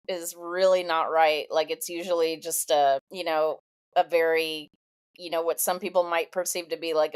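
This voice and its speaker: A woman from Southern California, a podcast guest, telling her personal story in a thoughtful, candid way with halting pauses and many fillers. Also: sits low, smooth.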